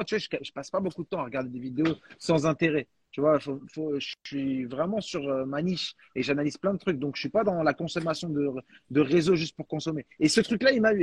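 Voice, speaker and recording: A man talking in a casual chat as a guest, animated and slangy, often restarting and repeating words. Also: fairly high pitch, breathy edge, no room sound. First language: French. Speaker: guest, freestyle football creator.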